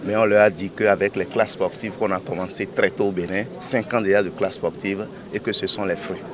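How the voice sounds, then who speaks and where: A man answers reporters outdoors in a calm, explanatory way. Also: low-pitched, brisk. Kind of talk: press interview. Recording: outdoor interview with crowd noise.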